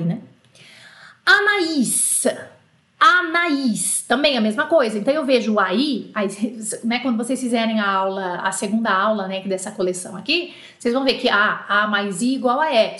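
She's a Brazilian teacher with a Brazilian Portuguese accent, leading a French class online. Her fairly high, slightly bright voice sounds reverberant as she explains patiently and spells out letters at a slow pace.

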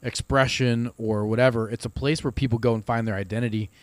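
A man from Ohio on a casual ministry podcast, speaking haltingly with many fillers as he works through his thoughts. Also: medium pitch, steady tone, no room sound.

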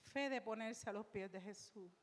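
A woman's voice: medium pitch, moderate pace, long reverb tail. A woman pastor preaching a sermon in church, emphatic and repetitive, with rhetorical questions.

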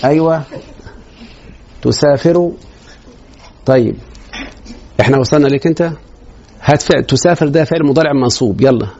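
A man with an Egyptian Arabic accent teaches a grammar lesson in a classroom, quizzing his students with rhetorical questions. His mellow voice is a little high and moves at a moderate pace with long pauses, captured on a dull lo-fi recording.

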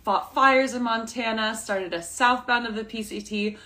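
A woman co-hosting a podcast, introducing a guest and chatting in a lively, brisk way. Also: fairly high pitch. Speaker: podcast co-host. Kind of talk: casual podcast chat.

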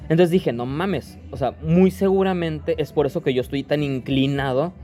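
Slangy man, halting restarts. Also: on the high side, steady tone, warm tone, soft background music. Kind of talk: casual chat.

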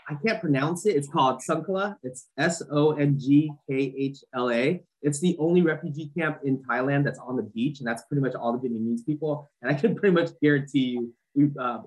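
On a podcast, a fashion entrepreneur in his forties who grew up in Southern California rambles through casual interview chat, full of fillers and restarts. His voice runs a little high with a breathy edge, and the audio is poor.

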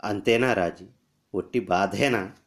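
A heartbroken, lovesick young soldier in a storybook reading, as a male reader voices him. The voice is low and earnest, pleading softly. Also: measured pace.

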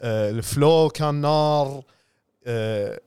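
A man's voice: medium pitch, unhurried, dark tone, clear, resonant tone, clean studio sound. A man co-hosting a casual podcast, encouraging and often echoing what the other speaker says. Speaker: podcast co-host.

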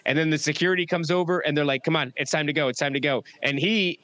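A man's voice: on the high side, quick pace, sharp tone, dry recording. A young man hosting a podcast, chatting casually and swearing as he tells stories. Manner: profane, rambling, talks through stories. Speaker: podcast host. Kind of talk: casual chat.

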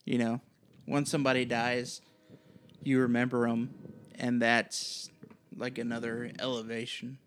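A man's voice: mid-range voice, flat delivery, measured pace, slight background noise. A man co-hosting a podcast in casual chat, easygoing and heartfelt. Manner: easygoing, heartfelt, calls people dude. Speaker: podcast co-host.

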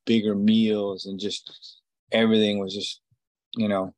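A man's voice: lowish voice, little pitch movement, unhurried, darkish tone, no room sound. A man in his forties from Israel, a tattoo artist, talking casually in an interview and rambling with many fillers and restarts. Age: 40s.

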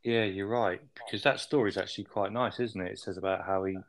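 Deep-voiced man, easygoing. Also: steady tone, quick pace. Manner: easygoing, often adds tag questions. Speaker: podcast host. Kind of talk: casual recap chat.

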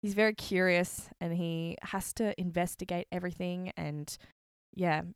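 A woman's voice: on the low side, steady tone, moderate pace, clear, resonant tone, dry recording, studio quality. A woman co-hosting a podcast in casual chat, bubbly and enthusiastic with frequent giggles. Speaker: podcast co-host.

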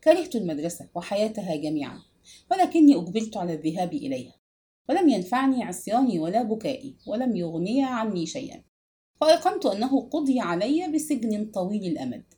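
A woman narrating a novel in a storybook reading. Her pitch moves a lot as she voices the narrator's worries. Her tone is warm and mellow throughout. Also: fast talker. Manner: expressive, emotive storytelling.

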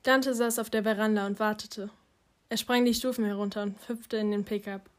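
A woman's voice: mid-range voice, fairly even intonation, normal speed. Woman narrating an audiobook. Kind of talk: first-person audiobook narration.

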